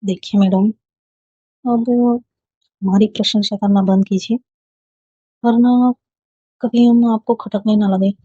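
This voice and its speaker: A playful, confident young woman in love, as a storyteller puts her on, teasing and tender in a warm, husky voice. She speaks at an unhurried pace. The sound is dry and a touch muffled. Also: medium pitch, fairly even intonation, no room sound. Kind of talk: storybook dialogue read aloud.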